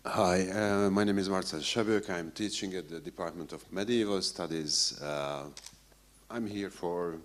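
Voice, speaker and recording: A man with a very low voice introducing himself at a university panel. He teaches at the university and speaks hesitantly, his sentences trailing off. He is recorded in a campus hall. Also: measured pace. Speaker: lecturer.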